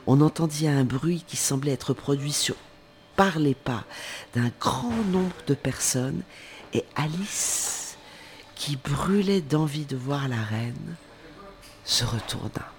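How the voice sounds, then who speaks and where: A man's voice: a little high, slow pace, slight background noise. Man reading a storybook aloud casually. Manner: informal asides and self-corrections while reading. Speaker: reader. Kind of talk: casual reading of a children's book.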